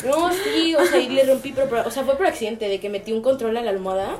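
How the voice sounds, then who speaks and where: A woman chatting as a podcast co-host, an animated storyteller who laughs often. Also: on the high side, fast talker. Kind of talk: casual chat.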